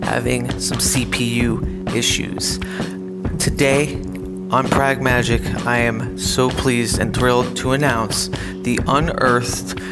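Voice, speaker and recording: A man's voice: flat delivery, takes it slowly. A man hosting a podcast, eagerly announcing the episode in a poor, degraded recording. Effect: poor, degraded sound quality from computer issues. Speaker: podcast host. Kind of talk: spoken show intro. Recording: low-quality audio over loud guitar music.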